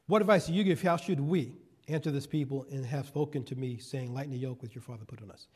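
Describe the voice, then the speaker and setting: A man's voice: medium pitch, fast talker, a little mellow, husky. A male guest preacher giving a sermon, reading scripture verses and then explaining them in folksy asides. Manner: repeats key phrases for emphasis.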